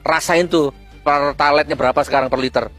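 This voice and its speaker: A man's voice: fairly even intonation, fairly quick, a bit bright, faint music behind. Fiery, scornful man ranting. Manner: fiery, scornful, with sudden high-pitched outbursts. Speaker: preacher-style political commentator. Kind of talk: ranting monologue.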